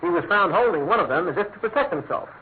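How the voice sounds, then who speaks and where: An actor playing a chatty, self-assured British police inspector in a radio mystery, talking in clipped, matter-of-fact phrases. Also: male voice, high voice, lively intonation, fast. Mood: confident, genial. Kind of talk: classic radio mystery drama acting. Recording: tinny, noisy old radio recording.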